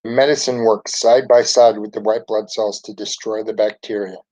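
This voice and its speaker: A man's voice: on the low side, normal speed, rough recording. Man reading a children's book aloud. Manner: steady narrating delivery. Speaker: storybook reader.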